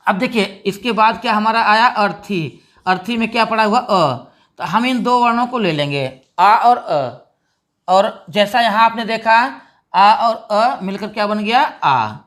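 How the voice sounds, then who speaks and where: A woman teaching a grammar lesson, patiently asking questions and answering them herself, drawing out key sounds slowly. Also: medium pitch, lively intonation, a bit bright. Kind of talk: explanatory classroom lesson.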